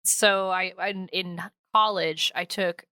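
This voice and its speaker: Co-hosting a podcast, this woman chats casually, telling stories informally and cutting herself off mid-thought. Her fairly low voice is bright and forceful, with fairly even intonation and a slow pace. The recording is clean, dry, and studio quality.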